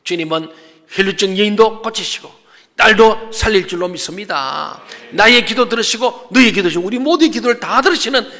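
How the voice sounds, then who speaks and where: A man's voice: high voice, a little fast, bright, forceful tone, in a large hall. A male pastor preaching a sermon emphatically, acting out the voices in the stories he quotes. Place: church sanctuary.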